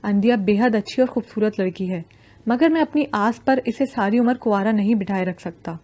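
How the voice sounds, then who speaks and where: Woman reading a curt young guy, impatient, aloof, mellow-toned. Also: medium pitch, natural voice. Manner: brusque, impatient.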